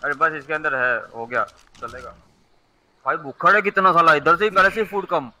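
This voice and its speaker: A man streaming a multiplayer survival game, chatting casually, excitable and crude as he jokes and shouts commands at friends. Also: fairly high pitch, normal speed, a little hiss or hum, low-quality recording.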